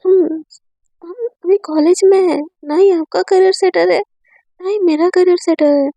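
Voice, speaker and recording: A woman's voice: extremely high pitch, fairly even intonation, measured pace, gravelly, dark tone, no echo, pitched above the performer's own voice, full character voice, low-quality recording. A woman voicing a practical, soothing young woman in college who coaxes her partner and mixes in English words. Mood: coaxing.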